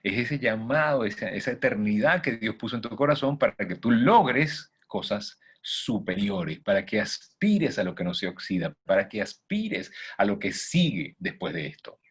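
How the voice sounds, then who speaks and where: A man's voice: on the low side, big pitch swings, moderate pace, few pauses, a bit bright, husky. A man giving a motivational talk as a coach, emphatic and asking listeners rhetorical questions. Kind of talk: motivational talk with faith content.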